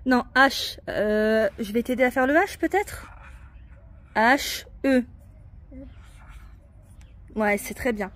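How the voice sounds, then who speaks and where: High-voiced, patient, encouraging woman. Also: fairly bright tone. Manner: patient and encouraging, spells words slowly letter by letter. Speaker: parent guiding a child's treasure hunt. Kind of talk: casual family video chat. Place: outdoors in a garden.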